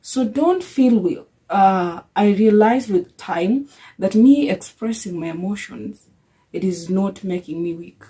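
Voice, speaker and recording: A woman's voice: medium pitch, animated, measured pace, dark tone, rough recording. A young woman vlogging a heartfelt faith reflection, earnest, telling personal stories with many restarts.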